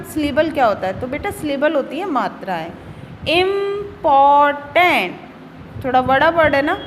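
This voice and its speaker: A woman schoolteacher giving a grammar lesson to children, stretching out English words slowly and speeding through Hindi asides, calling her pupils beta. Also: high voice, in a large hall, a little hiss or hum, low-quality recording. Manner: code-mixes English terms into Hindi explanation, addresses pupils as beta.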